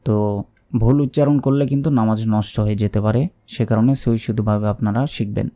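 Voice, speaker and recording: A man teaching prayer recitation, drawing out each word slowly between quick explanations. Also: fairly low pitch, mellow. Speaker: religious teacher. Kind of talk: recitation lesson.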